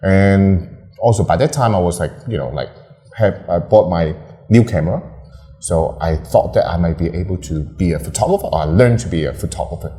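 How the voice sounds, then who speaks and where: Deep-voiced and mellow, the young Hong Kong photographer talks briskly and expressively while being interviewed casually. He laughs frequently, and his speech meanders with plenty of fillers and restarts.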